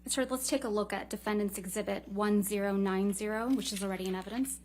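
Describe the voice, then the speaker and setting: A woman's voice: mid-range voice, steady tone, fast talker, a little mellow, slight background noise. A woman lawyer cross-examining a witness in a courtroom, firing clipped, leading questions that often end in a short tag.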